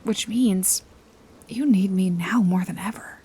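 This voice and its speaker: A wry, amused tone colors this take on the bossy detective-bodyguard, voiced by a woman in an intimate noir ASMR roleplay. Her medium-pitched voice is mellow and measured, breathy and frequently falling to a whisper, with a teasing and casually threatening manner.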